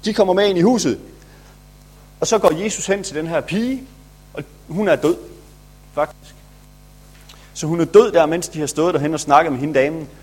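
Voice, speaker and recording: A man's voice: a little high, pauses often, darkish tone. A man, a pastor, retelling a Bible story for children in a chatty, playful way.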